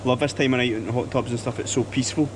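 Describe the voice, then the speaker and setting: A man's voice: mid-range voice, steady tone, racing, background noise. A man with a Scottish accent, chatting casually and enthusiastically as a travel vlogger while walking around a lodge and lochside. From Scotland. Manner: chatty and enthusiastic, heavy on local slang.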